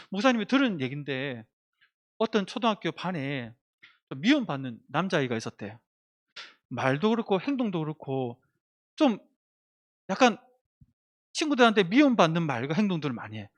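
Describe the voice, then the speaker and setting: A male pastor giving a lively children's sermon, asking the kids questions and acting out what they might say. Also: sits high. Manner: animated, acts out children's voices, asks the kids questions.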